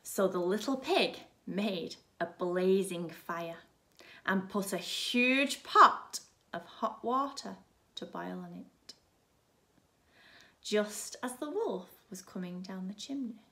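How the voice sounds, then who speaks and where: A primary school teacher in her thirties reads expressively to young children from a small furnished room at home. Her voice is medium-pitched and fairly bright.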